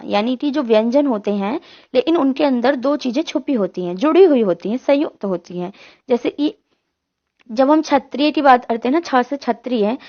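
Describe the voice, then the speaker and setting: A woman teaching an online lesson with a fairly high voice. She walks through each point step by step, asking a question and then answering it herself. The recording sounds dull and lo-fi. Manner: explains step by step, asks and answers her own questions.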